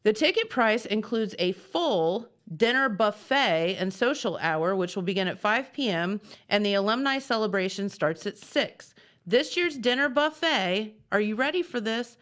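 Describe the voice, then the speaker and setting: A woman's voice: medium pitch, expressive, normal speed, fairly bright tone. A woman co-hosting a local morning TV show, chatting casually and reading community announcements in a studio.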